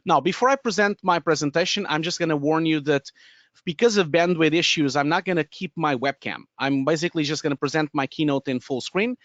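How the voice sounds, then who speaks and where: A man's voice: fairly high pitch, brisk, a bit bright, no room sound, highs cut off. A man in his thirties from Portugal with a Portuguese accent, presenting a live webinar in a chatty way with many fillers, restarts and laughs, on a headset mic in a home studio room. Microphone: headset with boom mic.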